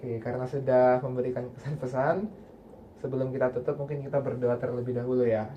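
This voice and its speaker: A man's voice: medium pitch, level tone, fast, dull audio. A young man facilitating a group counselling session with casual, conversational guidance. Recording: faint background noise.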